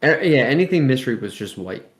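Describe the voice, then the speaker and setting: A man's voice: medium pitch, big pitch swings, fast talker. A man chats casually as a podcast co-host in a mid-range voice. He talks in slang and leans into exclamations, keeping it loose and conversational. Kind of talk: casual chat.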